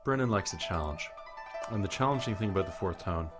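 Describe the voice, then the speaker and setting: A man's voice: low-pitched, expressive, brisk, over loud music. A man co-hosting a casual language lesson podcast, joking in a dry way. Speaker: podcast co-host.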